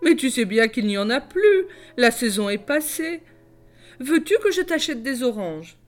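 A woman's voice: sits high, big pitch swings, unhurried, faint music behind, voice pushed up. A woman voicing a cruel stepmother who barks orders in a curt, scolding tone. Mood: sweet.

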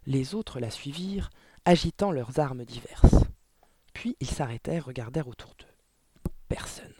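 Animated male storybook narrator. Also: medium pitch, unhurried, husky. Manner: animated, theatrical reading. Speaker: audiobook reader.

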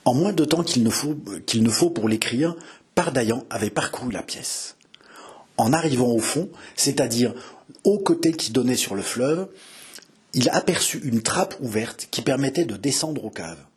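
A man's voice: medium pitch, lively intonation, normal speed, a little mellow, breathy edge. A man reading an adventure novel aloud in a dramatic narrating style. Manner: dramatic, builds intensity. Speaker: audiobook narrator.

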